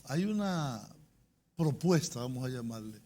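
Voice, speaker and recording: A man discusses and questions as an interviewer, haltingly thinking aloud. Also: medium pitch, expressive, warm tone, a little hiss or hum. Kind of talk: conversational discussion.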